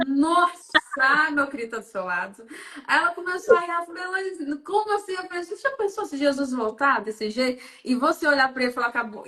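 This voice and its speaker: Woman guest on a faith talk, lively storyteller acting out dialogue, high voice, roomy sound. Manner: animated storyteller, acts out dialogue. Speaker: psychoanalyst guest. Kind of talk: casual faith-based talk.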